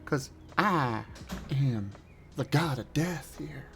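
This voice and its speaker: A man's voice: medium pitch, expressive, takes it slowly, vocal fry, faint music behind. A man voicing a cocky, boastful little cartoon god of death, taunting and theatrical in improvised stream banter.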